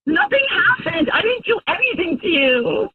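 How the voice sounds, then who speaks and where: A woman's voice: very high-pitched, sing-song, moderate pace, dry recording. A woman on a phone line, angrily accusing her husband on a radio call, tearful. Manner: angry, accusing, talks over him. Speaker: caller's wife on a radio prank. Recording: distant tinny phone line.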